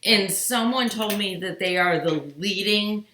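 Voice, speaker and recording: A woman's voice: medium pitch, a little slow, bright, forceful tone, slight background noise. A middle-aged woman hosting a live quilting stream from her home sewing room, chatting with viewers and greeting them by name. She is tired and yawning as she talks into her computer webcam. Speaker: quilting show host. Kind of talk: live-stream casual chat. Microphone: computer webcam on sewing table. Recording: roomy home-room echo.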